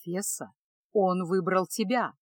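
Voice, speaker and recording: A calm high priestess, played by a woman narrator, speaks in a hushed, lowered voice. She is soft but unbending and repeats herself with quiet firmness. The audiobook sound is dry and close. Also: slow pace, no echo. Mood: firm. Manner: soft, low, firm.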